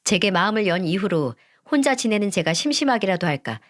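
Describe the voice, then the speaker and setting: Woman telling a gentle family story. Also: medium pitch, sing-song, brisk. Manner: gentle, reflective, polite storytelling. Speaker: storyteller narrating as a stepmother. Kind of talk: scripted first-person story narration.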